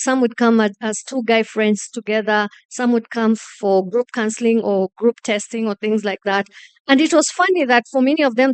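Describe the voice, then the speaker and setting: A woman tells earnest stories from her work as a testing counselor. Her voice is smooth and slightly high. The sound is dry and close. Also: dry recording. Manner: earnest, anecdotal. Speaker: panelist, former HIV testing counselor. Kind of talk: panel storytelling.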